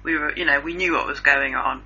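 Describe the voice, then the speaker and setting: Host: woman, lowish voice, bright and husky, gossipy news banter, muffled lo-fi recording. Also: fairly even intonation, a little fast. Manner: chatty, gossipy, self-mocking. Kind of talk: casual news chat.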